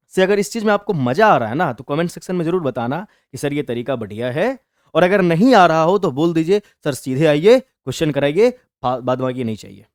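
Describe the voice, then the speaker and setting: A man teaching English grammar for an exam-prep class. He explains step by step and reads the English sentences slowly, with an Indian English accent. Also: fairly high pitch, dry recording, studio quality. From Bihar, India.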